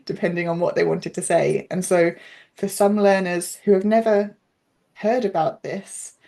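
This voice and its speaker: A woman's voice: on the low side, steady tone, a little slow, creaky, mellow. A woman, a guest in a casual interview, explaining her teaching at length in a thoughtful way. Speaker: interview guest, pronunciation coach.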